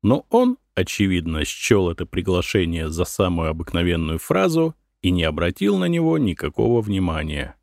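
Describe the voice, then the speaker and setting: A man narrating classic prose for an audiobook in a lively, expressive way. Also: low voice, normal speed, creaky, few pauses, no echo, studio quality.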